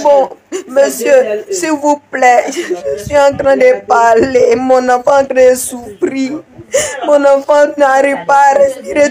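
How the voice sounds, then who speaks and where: A distraught woman speaks through her tears, pleading and stumbling over repeated words. Her voice sits high and strained as she cries. She gives the raw, emotional testimony of a grieving mother. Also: poor audio. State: crying.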